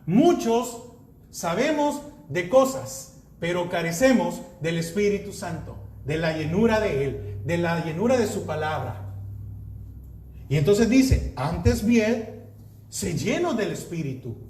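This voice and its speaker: A man's voice: high-pitched, expressive, slow pace, darkish tone, roomy sound. A man pastor preaching a sermon, reading verses aloud and asking the congregation rhetorical questions.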